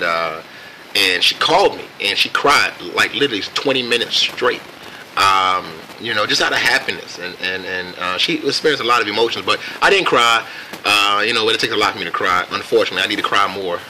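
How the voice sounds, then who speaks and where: Bright-voiced American man telling his story. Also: lowish voice, slight background noise, poor audio. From United States. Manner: reflective, laid-back, halting. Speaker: vlogger. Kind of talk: casual personal storytelling.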